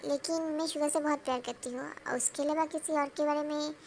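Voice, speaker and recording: A woman voicing a lovesick young woman in a fan-dubbed drama, speaking quietly and wistfully. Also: high voice, steady tone, brisk, gravelly, slight background noise.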